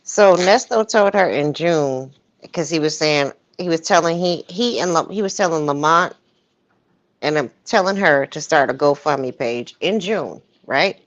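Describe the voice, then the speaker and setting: Speaking a little slowly in a low voice, the livestream co-host shares opinionated gossip with emphasis during a casual chat. The recording from the call is muffled and lo-fi.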